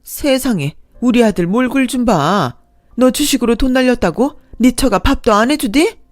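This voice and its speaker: A woman's voice: fairly high pitch, animated, moderate pace, no room sound, clean studio sound, pitched above the performer's own voice, close to an everyday voice. A woman doing a scornful older mother-in-law. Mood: fussing. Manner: scolding, contemptuous.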